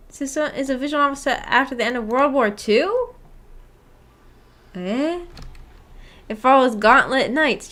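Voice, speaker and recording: A woman with a somewhat high, slightly bright voice hosts a visual novel book club livestream. She chats casually and reads out viewer comments, giggling, rambling and poking fun at herself.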